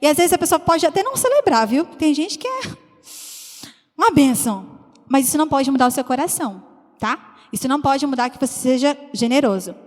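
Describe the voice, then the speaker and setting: A woman with a high voice preaches to her church in a friendly, chatty way and tells stories. She acts out the voices of the people she quotes. Her voice rings with a long reverb from the church hall. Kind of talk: sermon.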